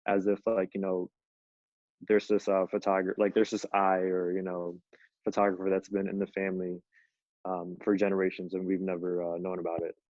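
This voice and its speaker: Low, flat-voiced man telling stories. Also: a little fast, dry recording, dull audio. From Ethiopia. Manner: relaxed, many fillers like "you know" and "uh". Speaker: featured artist. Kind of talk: conversational storytelling.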